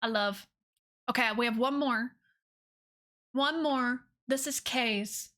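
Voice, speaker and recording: This woman's voice is fairly high and very bright, and she speaks at a slow pace while hosting a relaxed gaming livestream. She gushes enthusiastically, repeats phrases a lot, and addresses her audience as y'all in an informal way.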